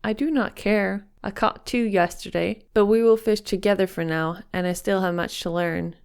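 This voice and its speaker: A devoted young fisherman boy speaks in a high, smooth, boyish voice, as a deep-voiced male reader puts him on. His words come soft and unhurried, tender toward the old man. The tone is clear and rounded, like a storybook voice. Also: steady tone. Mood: earnest. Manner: soft, slowed, raised boyish voice. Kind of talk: audiobook character voice.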